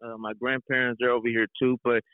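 Over a thin, tinny phone connection with no echo, a young guest who raps and sings reggaeton talks fast and smoothly in a flat mid-range voice. Originally from Mexico and raised in Houston, Texas, he chats casually and often says "you know."

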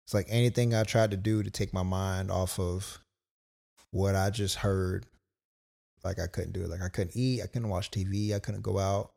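In a low, gravelly voice with a darkish tone, a young man shares a personal story on a podcast he co-hosts. His tone stays steady and his pace normal. The telling is easygoing and loose, with plenty of "like"s and quoted asides.

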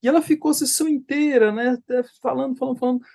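A man with a Brazilian accent, a therapist and podcast co-host, telling a case story in casual chat with animated restarts. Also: extremely high pitch, racing, gravelly.

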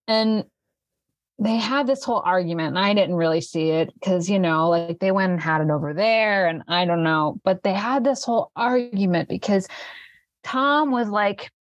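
A man's voice: high-pitched, no room sound, lightly acted. A woman voicing a laid-back male stoner who rambles on with lots of fillers in a tabletop role-play.

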